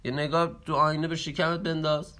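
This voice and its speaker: Man in a comic sketch, high and bright, loud and animated, chants counts while working out. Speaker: comedy sketch performer. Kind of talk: comic skit dialogue.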